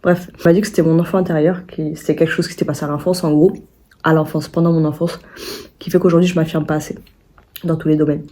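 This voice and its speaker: This is a casual home vlog by a young woman whose voice is deep and dark, with a flat delivery at a quick pace. She rambles along chattily, full of fillers and restarts.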